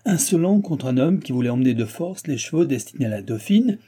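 Zealous court minister, read by a man, dark, husky, pushy. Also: mid-range voice, big pitch swings, brisk, pitched above the performer's own voice. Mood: insistent. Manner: firm, insistent. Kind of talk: audiobook reading.

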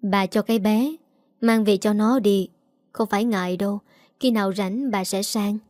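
A woman's voice: mid-range voice, steady tone, normal speed, darkish tone, dry recording, studio quality, close to an everyday voice. A woman voicing a kindly older housekeeper who speaks plainly and with motherly care. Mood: caring.

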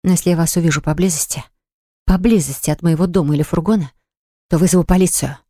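A woman's voice: fairly low pitch, fast, warm tone, dry recording, clean studio sound, close to an everyday voice. A woman voicing an indignant young woman baker who speaks in a shaky, upset voice. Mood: firm.

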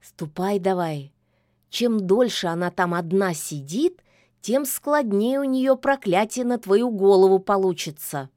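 A woman's voice: mid-range voice, lively intonation, a little slow, darkish tone, no echo, clean studio sound, close to an everyday voice. A woman voicing a wise, sly male talking cat who gives advice in a knowing, folksy, chiding way in a fairy-tale audiobook.

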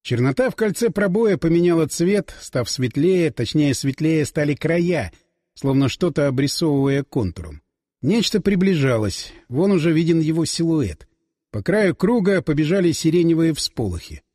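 A man narrating a first-person audiobook in a dramatic, expressive reading. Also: a little high, moderate pace. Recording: dry close voice with long reverb.

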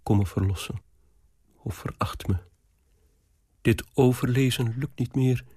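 A man reading aloud as a lovesick, anxious young woman, in a low, earnest, pleading tone. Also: unhurried, dark tone, husky, dry recording, studio quality.

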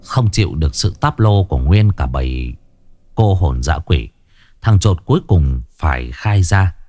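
A man narrating a ghost story with a lively storytelling delivery. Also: low voice, unhurried.

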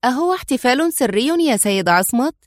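A woman's voice: sits high, lively intonation, a little fast, no echo, studio quality, voice pushed up. A woman voicing an alarmed young woman. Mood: puzzled. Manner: raised, alarmed exclamations. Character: startled young woman, companion to the hero.

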